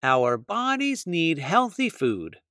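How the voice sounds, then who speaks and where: A man voicing a calm, reassuring female weasel nurse in a storybook, matter-of-fact. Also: fairly high pitch, takes it slowly, dry recording, studio quality, heavily acted.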